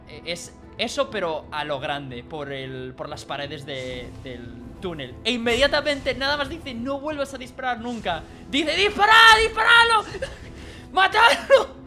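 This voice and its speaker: A streamer telling a story in a casual, rambling way. The voice sits at a middle pitch and is animated, with many restarts, and dips low and quiet for side remarks.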